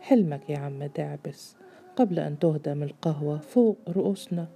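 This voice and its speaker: A woman reader voicing a cautious male poet who speaks worriedly to calm others. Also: low-pitched, brisk, gravelly, slight background noise. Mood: anxious. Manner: worried, placating. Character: anxious, cautious man, a poet.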